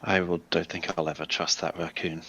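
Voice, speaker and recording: A man's voice: low voice, little pitch movement, a little fast, fairly bright tone, a little hiss or hum. A man casually playing his character in a tabletop role-playing game, wry and rambling. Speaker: player.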